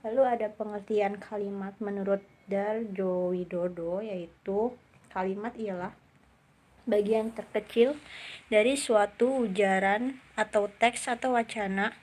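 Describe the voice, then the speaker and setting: A woman's voice: medium pitch, fairly even intonation, darkish tone. Young woman reading a class presentation. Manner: careful, measured reading with occasional fillers. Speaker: student presenter.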